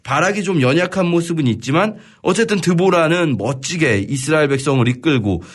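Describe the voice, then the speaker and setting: A man teaching a Bible study on the radio, reading verses and explaining them in a conversational way, often pausing to search for words. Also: on the high side, lively intonation, husky. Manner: reads scripture aloud, then paraphrases it conversationally.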